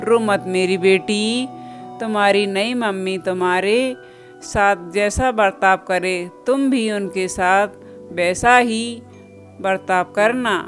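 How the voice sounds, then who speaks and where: A woman playing the consoling spirit of a dead mother who speaks softly and soothingly to her child. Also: medium pitch, faint music behind, lightly acted. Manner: soft, slow and soothing.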